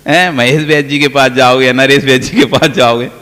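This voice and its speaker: Jain monk preaching in a hall. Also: male voice, mid-range voice, bright, forceful tone. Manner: storytelling with playful quoted dialogue and laughs. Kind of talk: sermon. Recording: long reverb of a hall.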